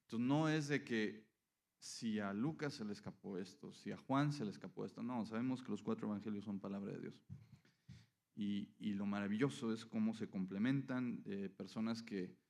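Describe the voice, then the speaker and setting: A man's voice: on the low side, moderate pace, a little mellow. A man preaching a sermon, explaining scripture and often checking in with listeners. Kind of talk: sermon teaching.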